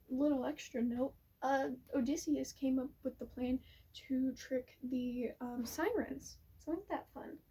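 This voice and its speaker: A young woman chatting casually, rambling with many fillers and restarts and acting out quotes in quick little voices. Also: sits high, dark tone, husky, far from the mic, rough recording. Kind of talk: casual chat about a musical. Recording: voice set back from the mic.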